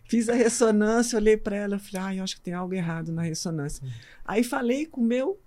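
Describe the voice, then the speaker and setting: Mellow-voiced Brazilian woman telling stories. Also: medium pitch, fast talker. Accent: Brazilian Portuguese. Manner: lively storyteller acting out quoted dialogue. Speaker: physician guest, amateur runner. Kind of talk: casual interview storytelling.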